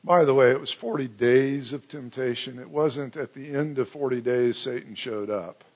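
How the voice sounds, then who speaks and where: A man preaching a sermon, telling stories with big swings between loud excitement and hushed, low tones. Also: moderate pace, lo-fi sound. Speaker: pastor.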